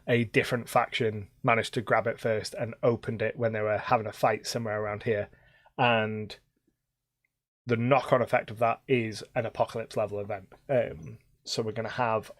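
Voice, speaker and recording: A man casually chatting on a live stream as game master, rambling with frequent pauses. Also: mid-range voice, dry recording. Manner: rambling, many ums and restarts.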